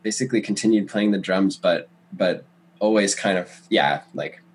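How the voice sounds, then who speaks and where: A young man who grew up in Canada, a drummer chatting as a guest in an interview, relaxed and hesitant with many ums. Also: deep voice, moderate pace, a little hiss or hum. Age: young adult. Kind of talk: casual interview chat.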